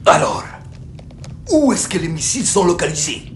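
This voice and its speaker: An actor dubbing a cold Soviet officer who interrogates a prisoner, speaking French with a Russian accent, slow and menacing. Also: male voice, a little high, wildly swooping pitch. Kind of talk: French film dub. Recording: roomy film clip with loud background noise.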